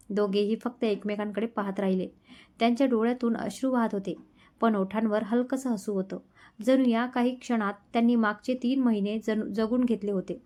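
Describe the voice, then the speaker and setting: A woman storyteller reading a romance story aloud in a gentle, emotional narrating style. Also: a little high. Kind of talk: scripted narration.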